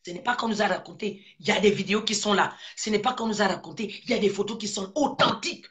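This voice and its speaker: Femme au ton vif et passionné. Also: female voice, medium pitch, fast talker, a bit bright. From Gabon. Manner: emphatic, repeats phrases, rhetorical questions. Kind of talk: impassioned political speech.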